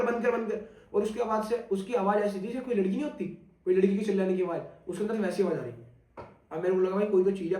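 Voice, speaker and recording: A young man telling a frightening personal story in a casual podcast chat, animated and full of crude slang. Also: sits high, reverberant, recorded from a distance.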